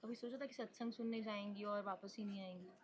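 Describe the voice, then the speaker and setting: A woman's voice: medium pitch, fairly even intonation, fast, slight background noise. A woman reporter asking interviewees probing questions in the field.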